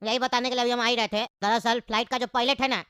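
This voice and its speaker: A flustered flight attendant, as a woman voices the part in a cartoon, deferential and evasive in a bright, fast voice. The sound is dry and close. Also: a little high, flat delivery, clean tone, no room sound, faint music behind, close to an everyday voice. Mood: apologetic. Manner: polite, deferential, saying sir. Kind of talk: cartoon voice acting.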